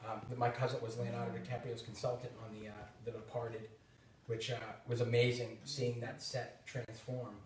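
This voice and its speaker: A man's voice: mid-range voice, level tone, moderate pace, slight background noise. A man in his thirties from Boston with a Boston accent, chatting casually and animatedly, with lots of laughs and restarts. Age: 30s. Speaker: host. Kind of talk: casual chat. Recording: echoey room from far off.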